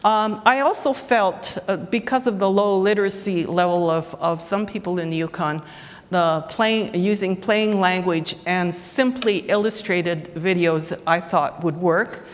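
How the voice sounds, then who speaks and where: A woman's voice: lowish voice, measured pace. A woman giving a conference talk, hesitant and full of fillers. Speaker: conference presenter. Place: conference hall. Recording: reverberant conference hall.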